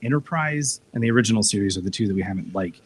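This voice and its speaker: A man's voice: on the low side, lively intonation, racing, a little hiss or hum, rough recording. A man speaking casually at a live discussion event, retelling a TV episode with lots of restarts and filler words. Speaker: discussion panelist.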